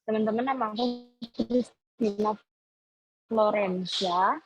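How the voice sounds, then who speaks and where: A woman's voice: mid-range voice, slow. A woman in her twenties giving a friendly, chatty webinar talk over a video call, her audio choppy and cutting out. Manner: friendly and chatty, with filler sounds. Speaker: webinar speaker. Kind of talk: casual webinar presentation. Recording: dull, lo-fi dry call audio.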